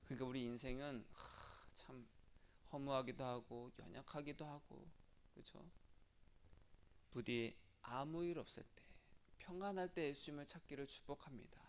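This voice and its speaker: A male pastor preaching a sermon in a conversational way, asking the congregation questions and sometimes dropping to soft asides. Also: medium pitch, moderate pace. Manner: acts out prayers and quoted speech in a changed voice.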